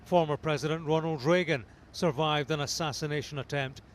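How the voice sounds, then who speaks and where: A man reporting on location from inside a large hotel ballroom, describing events in a measured way. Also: on the high side, steady tone, a little hiss or hum. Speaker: news correspondent.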